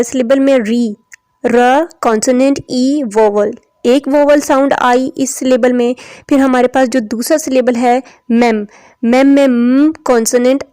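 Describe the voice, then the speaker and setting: Slow, careful woman teacher. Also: high voice, dark tone. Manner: slow, careful, repeats each word. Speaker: English teacher. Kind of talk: recorded online lesson, explaining in Hindi-Urdu and English.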